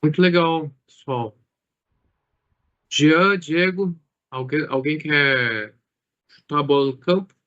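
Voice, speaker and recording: A man's voice: on the high side, slow pace, pauses often, fairly bright tone. A man moderating an online meeting, casually prompting speakers. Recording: muffled call audio.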